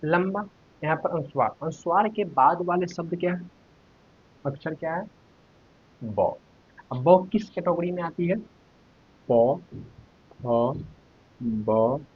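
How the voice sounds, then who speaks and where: A man's voice: fairly high pitch, expressive, moderate pace, pauses often, husky. A man teaching a Hindi grammar lesson online, asking the viewers questions and sounding out letters one at a time. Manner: asks questions to viewers, then answers them. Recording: dull lo-fi recording.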